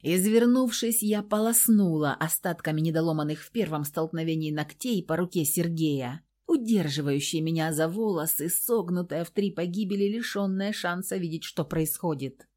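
A woman's voice: fairly low pitch, normal speed, few pauses, warm tone. A woman reading a first-person audiobook in a tense, intimate manner. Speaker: audiobook narrator.

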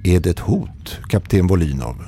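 A man's voice: deep voice, lively intonation, mellow, slight background noise. A male narrator voicing a cold, stern cosmonaut talking over the radio in clipped, formal phrases. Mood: icy. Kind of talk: radio horror drama reading.

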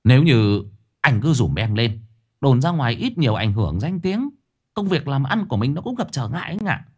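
A man playing a brash middle-aged uncle who talks loudly and bluntly. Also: mid-range voice, big pitch swings, normal speed, husky, voice pushed up. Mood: forceful. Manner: loud, blunt, coarse.

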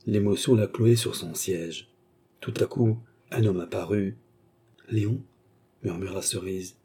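A man reading a novel aloud as narrator, dramatic and expressive. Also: low voice, unhurried, husky.

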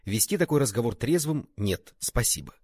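A man reading a story aloud as narrator, with expressive, varied intonation. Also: medium pitch, a little fast, slightly rough, dry recording. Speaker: audiobook reader. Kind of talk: scripted narration.

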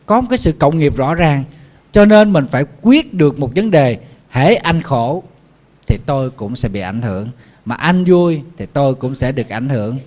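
A man, a Buddhist monk giving a lively sermon and telling folk stories with playful asides. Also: medium pitch, normal speed. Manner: lively, jokey, acts out animal voices in the story.

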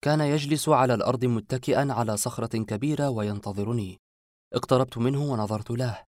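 A man narrating a dramatic first-person story in an expressive reading voice that builds with feeling. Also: medium pitch, fast, no room sound, clean studio sound.

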